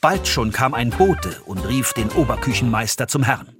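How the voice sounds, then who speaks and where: A man reading a fairy tale aloud as the narrator, in an expressive storytelling manner. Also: mid-range voice, normal speed, over music.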